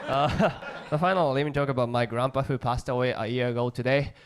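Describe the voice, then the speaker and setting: A man from Japan with a strong Japanese accent performs stand-up comedy in simple, halting English, acting out short dialogues. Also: mid-range voice, smooth. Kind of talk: stand-up comedy routine before a live audience.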